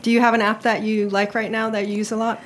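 A woman's voice: mid-range voice, little pitch movement, fast talker, a little hiss or hum. A woman hosting a live radio interview show, addressing listeners and guests from a small studio. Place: small broadcast studio in a shipping container.

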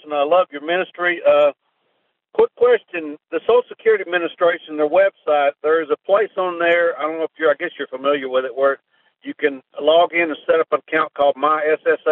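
A man calling in to a radio advice show, heard over a phone line, asking his question politely with halting pauses and fillers. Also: on the high side, steady tone, no echo. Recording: narrow tinny phone line.

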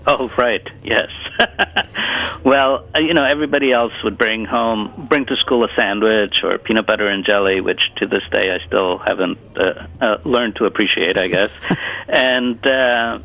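An Italian man, a native Italian speaker and cookbook author, talks in a casual phone interview with a lowish, gravelly, sharp-toned voice at a slightly slow pace. He hesitates a lot, full of fillers and restarts, and the phone line sounds dull and muffled.

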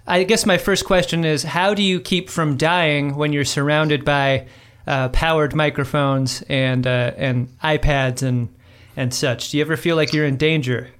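A man hosting a podcast in casual chat, speaking into a boom microphone. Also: steady tone, unhurried, a bit bright, smooth. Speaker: podcast host. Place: bathtub in a home bathroom.

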